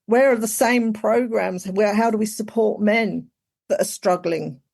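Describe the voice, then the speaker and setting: A woman's voice: mid-range voice, unhurried, vocal fry, a little mellow, slightly rough. A woman, chatting casually as a podcast guest, full of "like" and "you know". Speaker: guest, executive coach.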